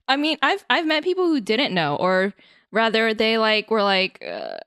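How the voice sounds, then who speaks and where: A woman's voice: fairly high pitch, wildly swooping pitch, moderate pace, a bit bright, clean tone, no room sound, studio quality. A woman hosting a podcast in casual chat, laughing often. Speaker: podcast host.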